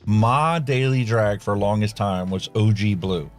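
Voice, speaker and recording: Male host, lowish voice, relaxed and chatty, detailed explainer. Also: measured pace. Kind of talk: casual chat.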